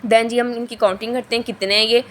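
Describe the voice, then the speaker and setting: A young woman vlogger from Pakistan talks through her shopping haul, her pitch sitting a little high even though a sore throat leaves her voice hoarse and heavy. She chats casually, rambles, and keeps stopping to correct herself mid-sentence. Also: quick pace.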